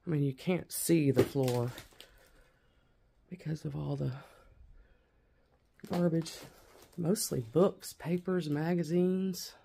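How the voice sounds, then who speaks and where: A man with a gravelly, creaky voice talks unhurriedly as he picks through a derelict house, often exclaiming in wonder. The sound comes from a handheld camera mic, with a faint hiss behind him. His pitch sits in a middle range. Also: slow, pauses often, mellow. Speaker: urban explorer vlogger. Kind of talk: walkthrough narration of an abandoned house.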